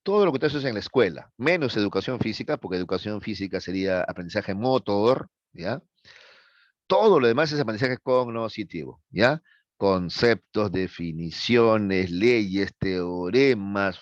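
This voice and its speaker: A man's voice: fairly low pitch, dry recording, muffled recording. A male teacher giving a classroom lecture, explaining step by step and often checking that students follow. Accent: Peruvian Spanish. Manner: explains with frequent checks for understanding.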